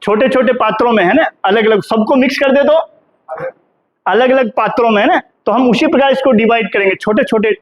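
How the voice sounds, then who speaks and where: Man, high pitch, from India, middle-aged, history professor, classroom lecture, questions the students, keeps adding "hai na". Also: fairly quick, dull audio. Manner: asks the class questions and answers them himself.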